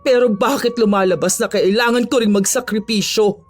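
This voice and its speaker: A woman's voice: medium pitch, steady tone, a little fast, faint music behind, natural voice. A woman voicing a desperate, grieving mother who pleads and accuses through tears in a horror audio story. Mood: anguished. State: crying.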